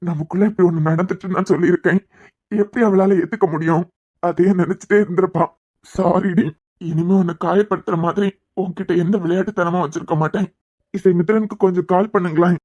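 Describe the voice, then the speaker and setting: A woman's voice: lowish voice, steady tone, fairly quick, darkish tone, dry recording, dull audio, close to an everyday voice. Woman voicing a fretful young cartoon man. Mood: remorseful. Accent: Kanyakumari Tamil. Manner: pleading, tender, fretful. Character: anxious young man tending a fainted girl. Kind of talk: cartoon web series voice acting.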